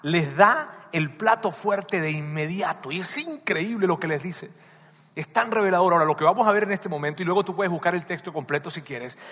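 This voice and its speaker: Pastor, male, emphatic sermon, slightly high husky voice, long hall reverb. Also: fairly quick, a bit bright. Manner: emphatic, questioning the listeners directly.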